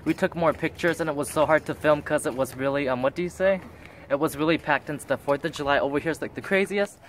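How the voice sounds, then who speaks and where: Teenage male, slightly high voice, casual vlog chat, rambling and exclaiming, faint outdoor background noise. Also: fast talker, a bit bright. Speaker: vlogger.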